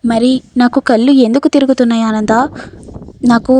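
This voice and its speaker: A woman voicing a gentle, ailing older sister who keeps asking questions, in a plain read-out story manner. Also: fairly high pitch, steady tone, normal speed, lightly acted. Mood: questioning. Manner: plain read-out lines, hardly acted.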